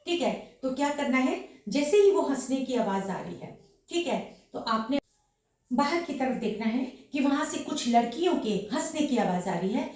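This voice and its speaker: A woman with a slightly hoarse voice from a sore throat leads a dance lesson, counting beats aloud as she shows each step. Her voice sits a bit high and reaches the mic from across a very echoey room. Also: animated, normal speed, darkish tone, recorded from a distance. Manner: counts beats aloud while demonstrating moves. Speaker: dance teacher.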